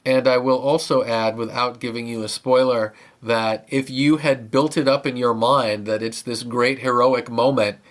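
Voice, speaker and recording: A man's voice: medium pitch, steady tone, moderate pace, few pauses. Chatty male podcast co-host. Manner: enthusiastic, rambling with restarts. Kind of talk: casual chat.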